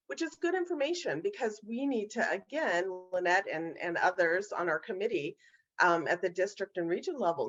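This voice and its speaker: A woman hosting a casual meeting, speaking in an encouraging, reassuring way. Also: fairly low pitch. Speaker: meeting host. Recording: dull lo-fi video call audio.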